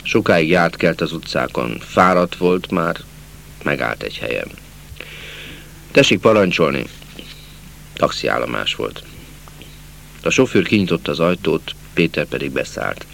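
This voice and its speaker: A man reading a literary novel aloud as an audiobook narrator, slow and measured, dropping to a hush at sad passages. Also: extremely low pitch, expressive, creaky, slight background noise.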